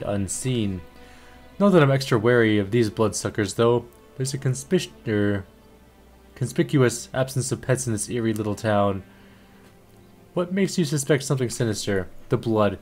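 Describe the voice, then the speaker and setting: A man's voice: medium pitch, a little mellow, lightly acted. A man doing a sly old cat-wizard.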